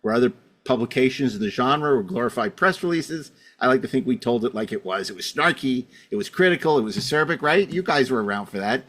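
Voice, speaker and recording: A middle-aged man hosts a casual podcast in a mid-range, fairly bright voice that is expressive and fast. His introductions ramble along, full of wry asides and self-deprecating jokes at his own expense.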